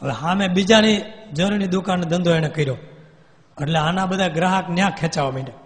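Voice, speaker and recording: A man preaching, telling a story in an animated way and acting out scenes. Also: high-pitched, brisk. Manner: animated, acts out scenes with gestures. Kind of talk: sermon storytelling. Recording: long hall reverb.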